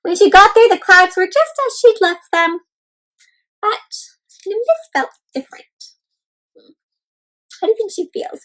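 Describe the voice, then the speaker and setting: A high-voiced woman hosts an interactive picture book read-aloud for young children, animatedly asking listeners questions and calling them friends. The audio quality is poor.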